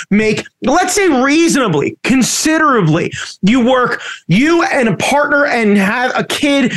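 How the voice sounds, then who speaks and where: A man's voice: very high-pitched, a bit bright. A man hosting a casual chat, ranting with heavy swearing and sarcastic exasperation. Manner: profane, ranting.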